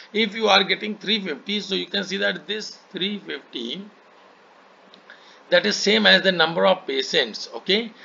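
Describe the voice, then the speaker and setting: A man with an Indian accent and native Hindi tutors maths in a bright, forceful voice with a gravelly edge. He explains step by step and repeats himself to check understanding. The online call sounds muffled. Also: fairly high pitch. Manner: repetitive, checking understanding often. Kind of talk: one-to-one lesson, explaining step by step. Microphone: online call microphone.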